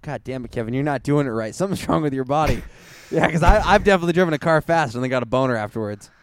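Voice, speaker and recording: A man's voice: mid-range voice, animated, racing, smooth, dry recording, studio quality. A man co-hosting a podcast, teasing his friend in crude casual chat, swearing and laughing often. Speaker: podcast co-host.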